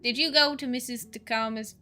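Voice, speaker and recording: A woman's voice: fairly high pitch, fairly even intonation, a little fast, pushed and bright. A woman voicing an earnest, slightly anxious young doctor in a game.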